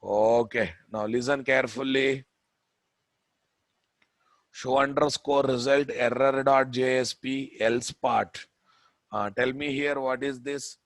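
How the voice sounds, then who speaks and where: Slow-paced man teaching. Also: medium pitch, steady tone, no echo. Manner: repetitive, prodding listeners with questions. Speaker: programming instructor. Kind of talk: live coding lecture.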